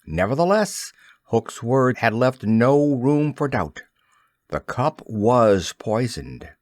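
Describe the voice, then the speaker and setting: Guy reading an audiobook, slow and really lively in pitch, dry close sound. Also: dry recording. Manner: measured, expressive storytelling. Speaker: audiobook narrator. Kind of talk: scripted narration.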